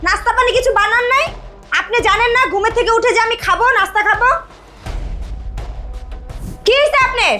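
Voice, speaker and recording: A woman plays a domineering young wife in a Bangladeshi short drama, scolding and nagging without pause. Her voice sits very high and bright, with a Bangladeshi Bengali accent. Faint music plays underneath. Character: shrill bossy young wife berating her mother-in-law. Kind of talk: amateur short drama acting.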